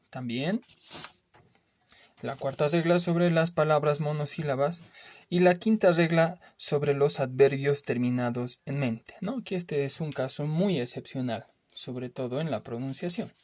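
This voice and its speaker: A man's voice: fairly high pitch, a little mellow, no echo. Male teacher with frequent checking tags. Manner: explains slowly and repeats himself. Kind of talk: spelling lesson.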